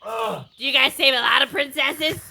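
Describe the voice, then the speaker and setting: A woman's voice: high-pitched, normal speed, creaky, bright, forceful tone, breathy edge, exaggerated voice. A woman game master voicing a small, polite male frog who drawls and throws in "ribbit" between his lines. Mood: polite, chatty.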